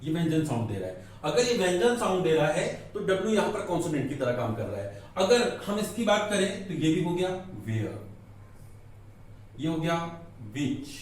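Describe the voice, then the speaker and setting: High-voiced male teacher in an echoey room. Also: big pitch swings, moderate pace. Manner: explanatory, asks questions and answers them. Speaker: English grammar teacher. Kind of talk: classroom lecture explaining in Hindi. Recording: echoey room, mic at a distance.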